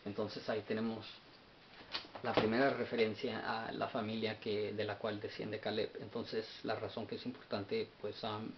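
A man with a lowish voice talks through a Bible study, stumbling and repeating words as he thinks aloud. The sound is dull and lo-fi, with a faint hiss underneath. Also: little pitch movement. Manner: halting, repeats words while searching notes. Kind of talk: unscripted Bible study talk.

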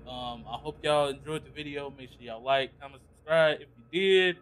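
A man's voice: on the high side, normal speed, fairly bright tone, a little hiss or hum. A man commentating a horror game as a hyped gamer bro, slangy and profane. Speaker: gaming video host.

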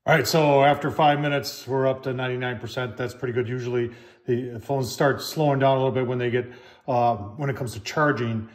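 A man's voice: mid-range voice, fairly even intonation, brisk. An older man chatting casually at home in his kitchen, reviewing a product in a folksy way, calling his viewers "folks", with the phone camera close at hand.

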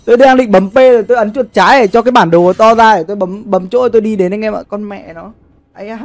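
A young man with a high voice talks fast and fairly evenly on a gaming livestream from his indoor setup. His casual chat and game commentary are slangy and full of swearing, and he often repeats his phrases.

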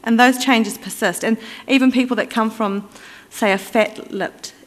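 A woman's voice: fairly high pitch, steady tone, moderate pace. Woman lecturing in a reverberant hall. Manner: explanatory, conversational, with fillers and restarts. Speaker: conference speaker. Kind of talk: conference presentation. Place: conference hall.

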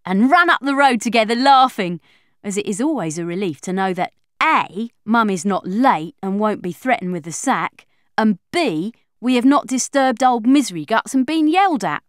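A woman with a slightly high voice tells a children's audiobook in the first person at a moderate pace. She takes the part of a young girl, lively, chatty and confiding like a schoolgirl. It's a dry, studio-quality recording.

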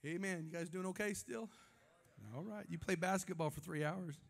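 A man preaching a Pentecostal sermon in a church, swinging between fervent shouts and hushed asides and calling on the congregation for amens. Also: high-pitched, normal speed, creaky. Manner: calls on the congregation for amens and responses. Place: church sanctuary before a congregation.

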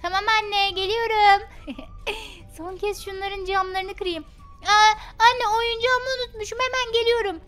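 A woman's voice: very high-pitched, fairly even intonation, unhurried, fairly bright tone, faint music behind. A woman voicing a mischievous little girl in a game role-play, giggly and teasing. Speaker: Minecraft roleplay YouTuber.

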